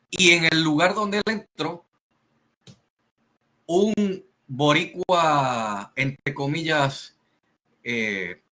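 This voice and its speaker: Man, Puerto Rican Spanish accent, casual storytelling monologue, slow pace, bright tone, rambling with fillers. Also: on the high side, poor audio. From Puerto Rico. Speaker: channel host.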